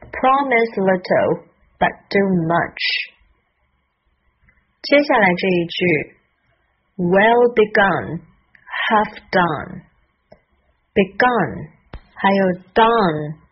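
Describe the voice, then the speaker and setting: A woman teaches English pronunciation in a slow, deliberate voice with a slightly husky edge. She spells words out letter by letter and enunciates each sound with care. The recording sounds somewhat dull and lo-fi. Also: mid-range voice, expressive. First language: Chinese. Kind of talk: scripted lesson narration.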